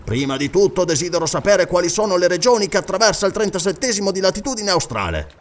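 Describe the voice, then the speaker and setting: A man voicing a slow, deliberate old major. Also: high-pitched, very animated. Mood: measured.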